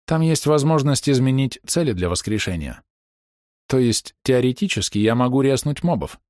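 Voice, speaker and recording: A man's voice: mid-range voice, very animated, moderate pace, darkish tone, dry recording, studio quality, voice pushed up, close to an everyday voice. A man reading an audiobook, voicing a gloomy, curt young woman. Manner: frowning, curt.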